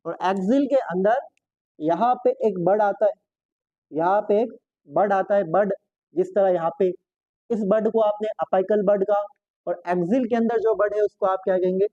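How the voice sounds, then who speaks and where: A man with a high voice teaches an exam-prep biology lesson at a moderate pace, posing questions and answering them himself while repeating key terms. He mixes Hindi with English science words, and the audio is dry with no echo but has its highs cut off.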